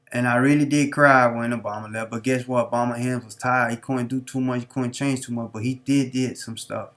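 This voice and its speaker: A man's voice: medium pitch, a bit bright. A man hosting a live stream, talking off the cuff in a preachy, repetitive, street-talking way. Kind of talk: unscripted monologue.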